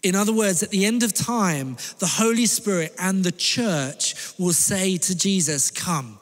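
A male pastor with a fairly high voice delivers an earnest sermon, returning again and again to the same phrases for emphasis. His words ring out with a long reverb tail in a large church hall. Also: measured pace.

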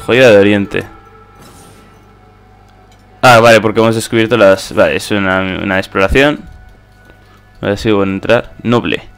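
A man's voice: on the low side, steady tone, moderate pace, creaky, long pauses, a bit bright, clean tone, soft background music. A young man with a Spain Spanish accent, giving casual let's-play commentary. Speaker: gaming video host.

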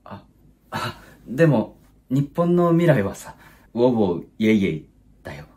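Timid deep-voiced salaryman, a man acting. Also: moderate pace, breathy edge. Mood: meek. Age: 30s. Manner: hesitant, timid, awkward. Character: meek awkward salaryman in his thirties. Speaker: comedy sketch actor. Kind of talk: comedy sketch dialogue.

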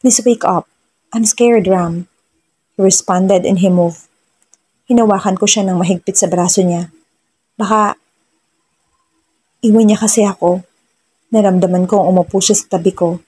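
Soft-voiced woman narrating a romance story. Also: lowish voice, steady tone, moderate pace, long pauses, breathy edge. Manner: soft, mixing in English phrases.

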